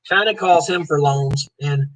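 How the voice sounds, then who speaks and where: A man's voice: on the high side, measured pace, a bit bright, low-quality recording. A man hosting a live stream, chatting loosely and joking as he reads viewers' comments aloud and answers them by name. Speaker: livestream host. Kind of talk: casual livestream chat reading comments.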